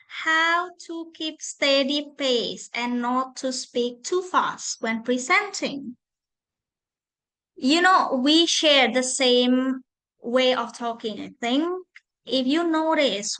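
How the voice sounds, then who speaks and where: A woman's voice: high voice, bright, forceful tone, low-quality recording. A woman with an Indonesian accent, an English lecturer answering questions on a video call in a chatty, self-deprecating way with frequent laughs. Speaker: guest speaker, English lecturer. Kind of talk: answering questions in an online session.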